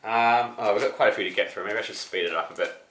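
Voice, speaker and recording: Low-voiced man. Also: fast, a bit bright, reverberant, a little hiss or hum. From New Zealand. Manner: rambling, many fillers and restarts. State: out of breath, still sick. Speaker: record collector vlogger. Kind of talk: casual show-and-tell chat.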